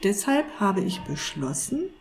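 A woman voicing a small, eager male cat who flatters and coaxes his master, in a storybook reading. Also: medium pitch, a little slow. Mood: earnest. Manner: eager, wheedling, polite.

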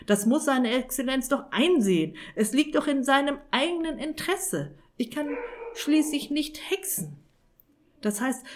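Woman playing a shrill desperate old sorcerer. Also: darkish tone, a little hiss or hum, lightly acted. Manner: shrill, pleading, rising to cries. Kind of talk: audiobook character voice.

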